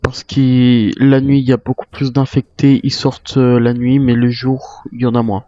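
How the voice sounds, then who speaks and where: A warm, mid-range male voice at normal speed, showing little pitch movement, carries an improvised in-character monologue. The gamer plays a weary retired soldier in a survival game, hesitantly musing aloud, and the recording is dull and roomy.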